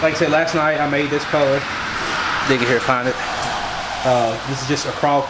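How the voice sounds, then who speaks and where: A man rambles through a casual how-to at his workbench, with frequent ums and false starts. His voice sits at an ordinary middle pitch. Steady background noise hums under the handheld camera audio. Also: moderate pace. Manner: rambling, many ums and restarts. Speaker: fishing lure maker showing his baits. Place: workbench in a workshop.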